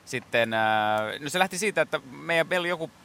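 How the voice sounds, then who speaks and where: A man's voice: on the high side, lively intonation, creaky, pushed and bright, slight background noise. Rambling, filler-heavy impressionist man. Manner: rambling, many fillers and restarts. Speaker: guest impressionist. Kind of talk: casual interview talk.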